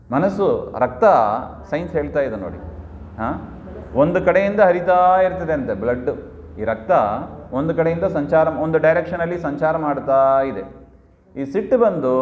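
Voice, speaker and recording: A man giving a devotional discourse, often asking his listeners questions and answering them himself, and now and then chanting Sanskrit verse. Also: a little high. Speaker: religious discourse speaker. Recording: echoey hall, dull lo-fi sound.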